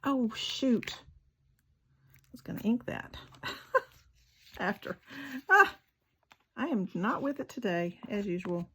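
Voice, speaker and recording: A woman's voice: medium pitch, very animated, slow, long pauses, bright, forceful tone, a little hiss or hum, poor audio. A woman, talking casually through a craft tutorial, chatty and self-deprecating, with muttered asides while she works. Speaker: craft video maker.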